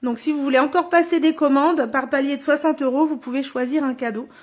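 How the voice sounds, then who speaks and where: A middle-aged woman leads a live card-making tutorial indoors, filmed on a phone or camera on a stand, chatting and thinking aloud as she works. Her voice is high-pitched and a little mellow, with a steady tone and a brisk pace.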